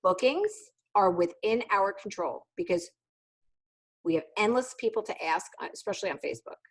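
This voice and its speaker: A woman's voice: medium pitch, lively intonation, moderate pace, husky. A middle-aged woman running a sales training on a video call, blunt, jokey and teasing, often mimicking other people's voices. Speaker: sales trainer leading a new consultant call. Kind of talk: casual motivational training talk on a video call.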